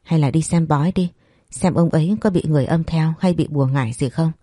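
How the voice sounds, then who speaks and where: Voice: mid-range voice, fairly quick, warm tone, no echo, clean studio sound, lightly acted. The narrator voicing a chatty, superstitious housemaid who talks eagerly and persuasively.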